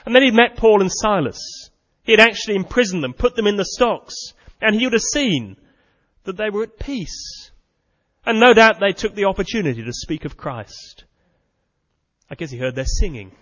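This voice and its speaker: A man's voice: sits high, very animated, normal speed, a bit bright. A man preaching a sermon with earnest, dramatic storytelling. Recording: muffled sound with long hall reverb.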